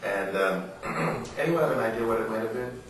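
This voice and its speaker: Here the author, an American man, has a mid-range voice and a moderate pace as he reads his book to a salon audience indoors, slipping in informal comments. He sounds earnest and emphatic and leans on rhetorical questions. The live space is roomy and echoing, picked up by a far-off mic with faint noise.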